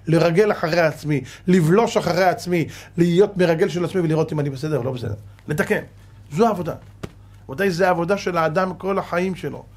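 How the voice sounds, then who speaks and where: A rabbi preaching a fervent sermon. His voice sits somewhat high for a man, and he drives his points home with rhetorical questions and sudden loud outbursts.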